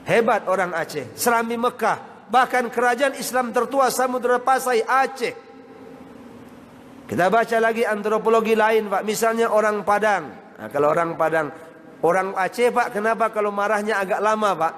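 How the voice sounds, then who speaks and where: Speaking at a moderate pace with a fairly bright, high-sitting voice, this male preacher from Indonesia gives an Islamic sermon. Throughout, he calls his listeners Pak and Bapak Ibu, sir and madam, while hall reverb and a faint hiss color the audio.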